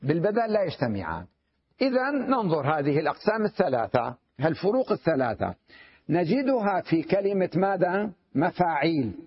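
A man's voice: high-pitched, very animated, brisk, breathy edge. A man, a sheikh, teaching Arabic grammar in a lecture, reading lines from a text and explaining them step by step while often asking if students follow. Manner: checks understanding with frequent rhetorical questions; reads a line from the text, then explains it step by step. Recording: dull lo-fi recording.

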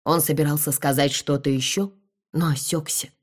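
A woman narrating a dramatic first-person audiobook in an expressive way. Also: low voice, normal speed, breathy edge.

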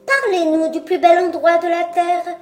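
A woman's voice: very high-pitched, fairly even intonation, moderate pace, a little mellow, faint music behind, voice pushed up. A woman voicing a chorus of tiny, curious mice who ask eager, nosy questions.

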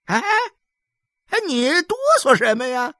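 A woman playing a shrill, blustering blood-station boss. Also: big pitch swings, measured pace, dry recording, clean studio sound. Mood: scolding. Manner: shouting, scolding, high-pitched bluster. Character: blustering bossy man in charge of blood selling.

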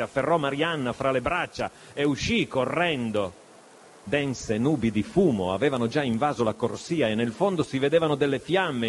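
A man reads an adventure story aloud in a dramatic audiobook style. His voice sits at a middle pitch and moves expressively, dipping and rising with the action of the scene. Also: slight background noise. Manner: expressive, shifts voice for dialogue. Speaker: audiobook reader. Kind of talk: dramatic literary reading.

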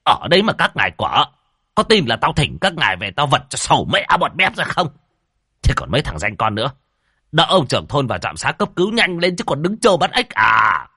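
A man's voice: sits low, very animated, normal speed, fairly bright tone, dry recording, clean studio sound, full character voice. A man voicing a bossy, scheming old village sorcerer who scolds and gives orders. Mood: furious scolding. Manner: scolding, commanding.

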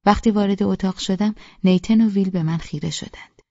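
A woman's voice: medium pitch, mellow, dry recording, muffled recording. A woman narrating a first-person audiobook with a wry, self-deprecating storytelling manner.

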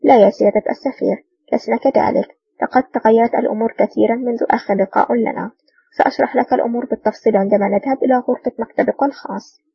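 Woman voicing a confident male spy officer, husky and dry, taped from a distance. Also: fairly high pitch, steady tone, very fast, no room sound. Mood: calm. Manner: assured, self-possessed. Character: confident male army officer, calm and sly. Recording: dull distant dry recording.

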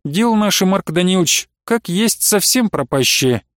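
A man's voice: high voice, normal speed, dry recording, clean studio sound, close to an everyday voice. A man voicing a grieving, pious old nun who laments and pleads tearfully. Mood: mournful. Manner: lamenting, sing-song pleading.

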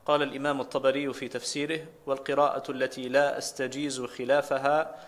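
Brief: male student reading a religious text aloud, flat and even, steady recitation. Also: medium pitch, fast. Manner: steady recitation of quotes and chains of names.

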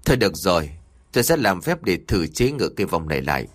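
A curt older fortune teller in an audio story, voiced by a man, pitched low and flat. She speaks matter-of-factly, with a husky grain. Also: fast talker. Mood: cold.

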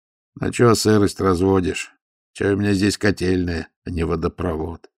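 A man voicing a gruff, sharp-tongued monastery stoker who scolds and mocks. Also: low-pitched, a little slow, no echo, studio quality, full character voice. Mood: stern. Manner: rough, scolding, mocking.

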